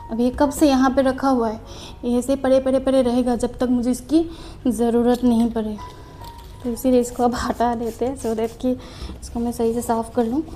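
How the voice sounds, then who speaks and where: Faint music plays behind a young woman student casually touring and tidying her study desk at home. Her mellow voice is a little high, delivered flatly at normal speed. She's chatty and self-mocking, slightly out of breath, and mixes in English phrases.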